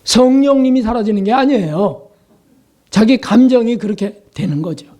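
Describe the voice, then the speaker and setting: A male pastor delivering a sermon with a dark, mellow tone. He talks to the congregation in a plain, conversational way and puts many questions to them. When he acts out prayers, he drops lower and softer, sometimes to a near whisper. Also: normal speed. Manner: earnest, conversational preaching with rhetorical questions.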